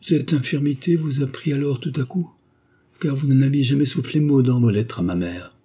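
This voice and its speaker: A man's voice: mid-range voice, normal speed, mellow, breathy edge, pitched above the performer's own voice, natural voice. A man reading the lines of a proud, impulsive young French duke in an audiobook, in an indignant, dignified voice.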